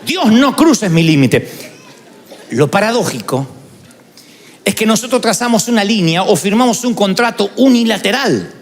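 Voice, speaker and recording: A man preaching a sermon as pastor, lively and dramatic, acting out the voices of people he quotes. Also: high-pitched, moderate pace, in a large hall, a little hiss or hum.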